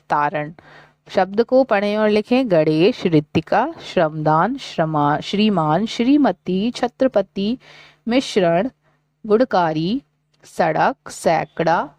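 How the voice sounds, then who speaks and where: A woman's voice: on the low side, darkish tone, no echo. Woman teacher reading a children's workbook. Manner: slow, clear syllable-by-syllable reading for children. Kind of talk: reading a workbook lesson aloud.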